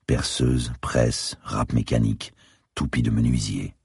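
A man narrating a dark crime thriller in the first person, with a measured, descriptive reading. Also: very deep voice, steady tone, creaky, husky, no echo, clean studio sound. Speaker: audiobook narrator.

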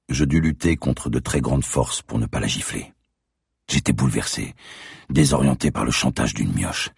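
A man narrating an audiobook in a measured, tense first-person storytelling voice. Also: rumbling low, creaky, breathy edge, no echo, studio quality.

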